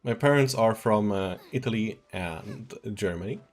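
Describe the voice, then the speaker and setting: A man's voice: lowish voice, animated, moderate pace. Laid-back young guy from Switzerland. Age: 20s. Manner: rambling, laid-back, chuckles often. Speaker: game streamer. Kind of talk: casual stream chat. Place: at home.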